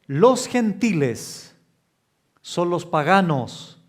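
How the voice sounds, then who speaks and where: Man, pastor, expository sermon, slow deliberate delivery, somewhat high voice, emphatic pitch jumps. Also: big pitch swings. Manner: slow, emphatic preaching with sudden pitch rises.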